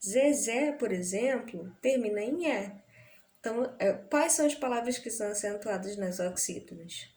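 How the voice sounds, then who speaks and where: A woman's voice: medium pitch, animated, normal speed, darkish tone. A woman teacher with a Brazilian accent explaining grammar in a remote lesson, patient and checking in with frequent tag questions. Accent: Brazilian Portuguese.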